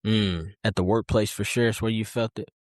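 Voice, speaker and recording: A man's voice: lowish voice, steady tone, normal speed, a little mellow, no echo, clean studio sound. A man co-hosting a podcast, casual and agreeable, who chats in slang and laughs easily. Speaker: podcast co-host. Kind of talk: casual conversation.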